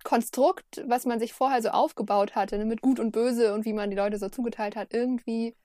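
Eager higher-voiced woman co-host. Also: steady tone, warm tone, dry recording. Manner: eager, responsive, quick to agree. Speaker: podcast co-host. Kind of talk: casual chat.

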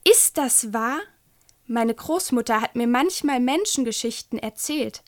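A woman's voice: on the high side, animated, unhurried. Woman reading as small hissing dragon boy.

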